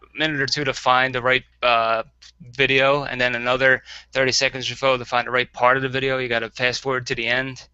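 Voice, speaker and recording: A man's voice: mid-range voice, flat delivery, brisk, pushed and bright, clean tone, dry recording. A man co-hosting a podcast in casual chat, rambling and often laughing. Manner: rambling, laughs often, acts out quoted voices. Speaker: podcast co-host. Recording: dull lo-fi podcast audio.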